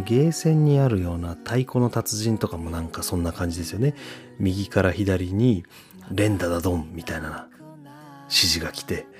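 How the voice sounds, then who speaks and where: A deep-voiced man hosts a laid-back solo radio talk, answering a listener in an easygoing, chatty manner. He often fills pauses with a drawn-out "um", and soft guitar music sits faintly underneath. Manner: relaxed and chatty, frequent "um" fillers. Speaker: podcast radio host.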